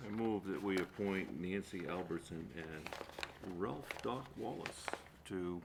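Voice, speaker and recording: A man on a town board making motions and explaining his view in a measured, hesitant way. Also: low-pitched, creaky. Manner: measured, hesitant, many fillers. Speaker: select board member. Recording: noisy meeting room recording.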